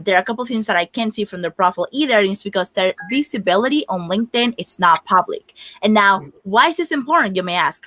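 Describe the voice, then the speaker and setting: A woman's voice: mid-range voice, pushed and bright, no echo. A woman from the Dominican Republic speaking as a career coach guest, giving direct, instructive advice to job seekers. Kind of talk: energetic advice talk.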